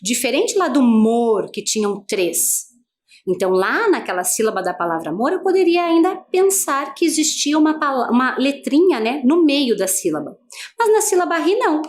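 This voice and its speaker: A woman's voice: high-pitched, very animated, normal speed. A female teacher with a Brazilian Portuguese accent, giving an adult-education video lesson, patient and asking many guiding questions.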